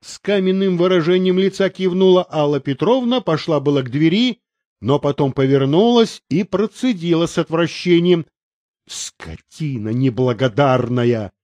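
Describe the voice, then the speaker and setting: A man narrating a novel as an audiobook reader, even and measured. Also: sits high, no room sound, lo-fi sound. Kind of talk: scripted narration.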